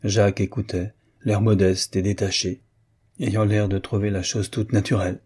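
A man reading a novel aloud in a measured, literary way. His voice is low and mellow, with a husky grain. The delivery is steady and unhurried. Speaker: narrator. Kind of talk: audiobook narration.

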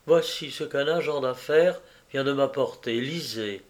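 A man's voice: medium pitch, a little slow, close to an everyday voice. A man reading aloud as an anguished, insistent young woman, raising his voice in pleading emotion. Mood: tense.

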